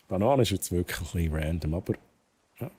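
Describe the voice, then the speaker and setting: Swiss german guy streaming, chatty, laughs a lot, mellow lowish voice. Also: slightly rough. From Switzerland. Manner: chatty, laughs a lot, reads game text aloud. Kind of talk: casual gameplay commentary.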